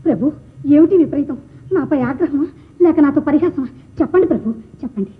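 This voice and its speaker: A woman's voice: high-pitched, animated, fairly quick, narrow, tinny audio. An actress playing a devoted young queen who pleads anxiously for her husband, in a thin old film soundtrack. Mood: pleading. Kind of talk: 1960s film acting.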